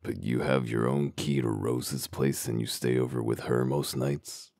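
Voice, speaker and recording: Very deep, gravelly wolf detective. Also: male voice, fairly even intonation, a little slow, darkish tone, dry recording, exaggerated voice. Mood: probing, dry. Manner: dry, sardonic, interrogating. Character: gruff, world-weary wolf detective in human form. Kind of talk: comic dub detective drama acting.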